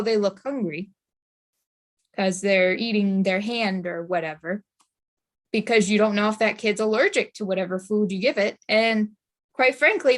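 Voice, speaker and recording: A young woman who uses a guide dog, giving an informal talk and repeating her warnings emphatically. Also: medium pitch.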